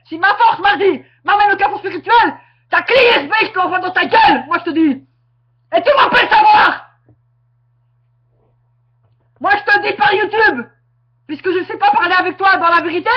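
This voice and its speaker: A woman with a very high voice addresses her webcam in an angry, confrontational rant. She circles back over the same words and bursts into shouting. The webcam audio sounds muffled. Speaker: webcam vlogger. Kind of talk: angry direct-to-camera rant.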